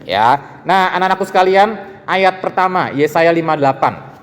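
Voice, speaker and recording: A man preaching a lively sermon to students, often raising his voice to call out quoted lines and adding playful asides. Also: fairly high pitch, moderate pace. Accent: Indonesian. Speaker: pastor. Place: church hall. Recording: long church hall reverb.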